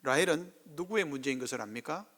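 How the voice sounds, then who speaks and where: A man's voice: fairly high pitch, lively intonation, fast talker, a bit bright. A middle-aged male pastor with a Gyeongsang Korean accent preaching a sermon, acting out quoted speech in dialect.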